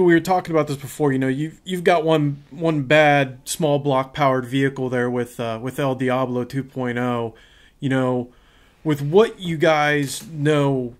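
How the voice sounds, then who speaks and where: Racing show host guy, kinda higher voice, easygoing and jokey. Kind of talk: casual panel talk.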